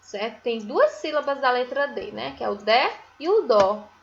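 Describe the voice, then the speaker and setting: A Brazilian woman with a fairly high, animated, creaky voice teaches young children a phonics lesson. She draws out syllables and keeps checking in with little tag questions like "né?" and "certo?". The highs are cut off, and there's slight background noise.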